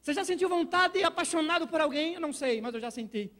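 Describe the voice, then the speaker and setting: High-voiced Brazilian preacher telling a story. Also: male voice, animated, quick pace, sharp tone. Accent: Brazilian Portuguese. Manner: emotional storytelling, acts out his younger self. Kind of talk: sermon. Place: church auditorium.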